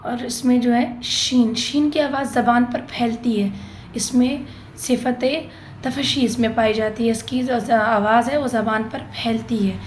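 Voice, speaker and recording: Woman tajweed teacher, patient, stretching each letter out slowly, pitched a little high, in an echoey room. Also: fairly even intonation, slight background noise. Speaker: Quran recitation teacher. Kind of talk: tajweed lesson.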